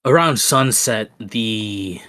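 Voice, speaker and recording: A man voicing a plain-spoken dockside local who talks hesitantly, with many pauses. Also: lowish voice, expressive, sharp tone, heavily acted.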